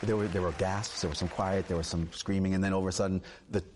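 A man's voice: low voice, steady tone, quick pace, darkish tone, slight background noise. A man, a dean of admissions, explaining things in an interview with some fillers.

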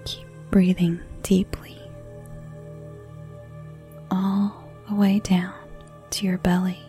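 A woman whispering a slow guided visualization story in the second person, in a soft unvoiced whisper. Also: medium pitch, flat delivery, soft background music.

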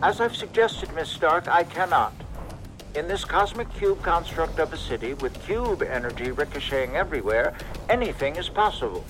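An actor playing a pompous, calculating genius who delivers precise predictions like a fortune teller in an audio drama. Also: male voice, a little high, big pitch swings, moderate pace, music in the background, rough recording. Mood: measured, knowing. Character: pompous, calculating genius strategist forecasting odds.

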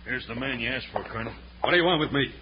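An actor playing a defiant outlaw gang leader who speaks in a threatening western drawl, in 1950s radio western acting. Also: male voice, mid-range voice, rapid-fire, slight background noise, lightly acted. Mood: defiant, menacing. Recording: muffled old radio transcription.

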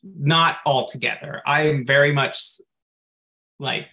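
A man's voice: mid-range voice, sharp tone. A man co-hosting a podcast in casual chat, recapping game lore at length and dropping in frequent "like" asides. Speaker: podcast co-host.

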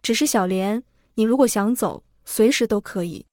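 A woman voicing a sorrowful but resolute young noble lady who speaks softly with sighs, in a story reading. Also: mid-range voice, normal speed, dry recording, clean studio sound, natural voice. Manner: soft, sighing, calm.

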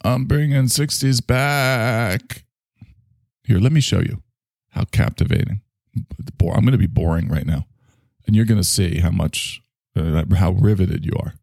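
A man's voice: low-pitched, moderate pace, creaky, dark tone, breathy edge, no echo, studio quality. A man in his sixties hosting a solo podcast, rambling and joking at his own expense. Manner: rambling, self-mocking, jokey. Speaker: podcast host.

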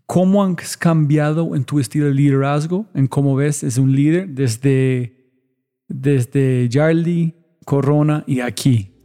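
A man hosting a podcast, asking interview questions in an unhurried way. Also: a little high, warm tone. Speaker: podcast host. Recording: long hall reverb, faint music behind.

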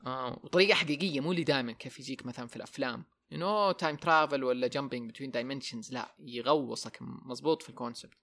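Young man, rapid podcast host, rambles and repeats himself, mid-pitched voice, mixes english in. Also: gravelly, fairly bright tone. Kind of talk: casual podcast chat.

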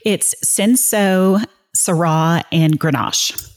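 A woman speaks in a slightly low voice with a West Texas Southern twang. She is a podcast guest talking casually in an interview, with the easy phrasing of conversation. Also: drawn-out words. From Texas, United States. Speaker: podcast guest, winery owner.

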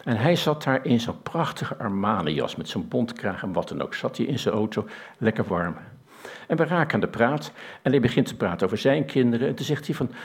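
A man's voice: mid-range voice, big pitch swings, a little fast, breathy edge. A man telling a personal story in a plain, conversational way, with frequent hesitations and restarts. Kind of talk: personal story told to an audience.

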